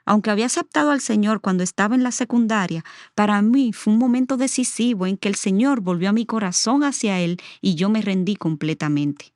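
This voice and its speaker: A woman's voice: medium pitch, brisk, hardly any pauses, darkish tone, dry recording, studio quality. A middle-aged woman, a guest on the show, telling a personal testimony in an earnest, reflective way. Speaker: interview guest.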